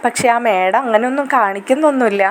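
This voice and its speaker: A woman voicing a gentle, dutiful young daughter who speaks softly and reassuringly to her father in a retold serial story. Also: on the high side, fast talker, slight background noise, lightly acted.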